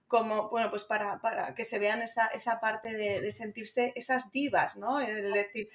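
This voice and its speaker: A woman hosting a casual interview, relaxed and conversational, often tagging questions. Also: on the high side, moderate pace. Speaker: podcast host.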